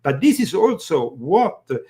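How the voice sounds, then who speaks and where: A man hosting a political commentary show, talking casually with halting starts and many fillers. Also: on the high side, very animated, dark tone. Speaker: host.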